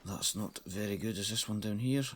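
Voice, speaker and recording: Low-voiced man narrating a game. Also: moderate pace. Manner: low-key, thinking aloud. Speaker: gamer. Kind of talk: casual gameplay commentary.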